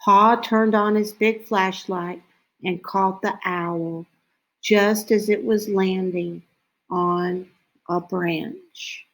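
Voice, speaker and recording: Woman storybook reader, very slow and deliberate, medium pitch, pausing often between phrases. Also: fairly even intonation, a bit bright. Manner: unhurried, deliberate phrasing with frequent pauses. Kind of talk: scripted children's story read-aloud.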